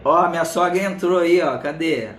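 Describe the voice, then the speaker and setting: Brazilian male live-stream host, higher-pitched voice, informal greetings, slightly swollen-tongue speech, roomy echo. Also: moderate pace. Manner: chatty, informal, addresses viewers by name. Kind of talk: casual live chat greeting viewers. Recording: roomy, echoing room sound.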